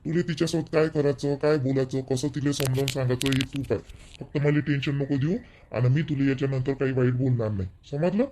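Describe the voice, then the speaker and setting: A man playing a stern but soft-hearted young husband who lectures his wife, in a Vidarbha Marathi dialect. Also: mid-range voice, steady tone, brisk, noisy background, natural voice. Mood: firm. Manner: lecturing, firm.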